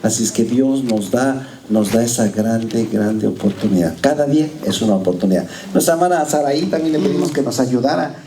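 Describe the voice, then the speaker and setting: Man pastor at a church service, heard from far off in a roomy hall with noise behind, quick delivery that repeats words. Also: mid-range voice, warm tone. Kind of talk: introducing a church speaker.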